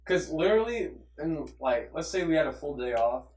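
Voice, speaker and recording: A man's voice: fairly high pitch, expressive, normal speed, far from the mic, background noise. A teenage guy chatting with friends, rambling with lots of fillers and laughing often. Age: teens. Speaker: podcast co-host. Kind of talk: casual chat among friends. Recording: echoey, off-mic room sound.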